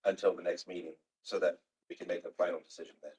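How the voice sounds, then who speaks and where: A man on town staff explaining meeting procedure in a casual, halting way. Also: sits low, little pitch movement, darkish tone. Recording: roomy hall, mic far off.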